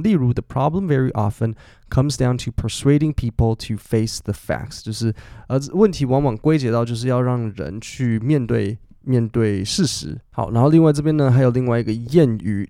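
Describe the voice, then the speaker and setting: A man's voice: mid-range voice, creaky, dark tone, no room sound, studio quality. A man in his twenties, hosting a podcast and explaining English grammar, often repeating phrases as he thinks. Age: 20s. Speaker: English teacher and podcast host.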